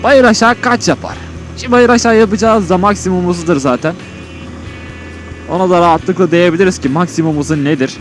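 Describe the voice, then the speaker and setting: A fairly high-voiced man speaks from inside a motorcycle helmet while riding. He gives casual, colloquial vlog commentary, rambling as he thinks aloud, with music playing clearly behind him. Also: brisk. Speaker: motovlogger. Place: outdoors on a motorcycle on an open road. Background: music, vehicle on the road.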